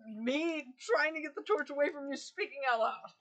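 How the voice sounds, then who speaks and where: Insistent bright-voiced woman player. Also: high-pitched, expressive, moderate pace. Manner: insistent, flustered. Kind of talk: casual tabletop role-play.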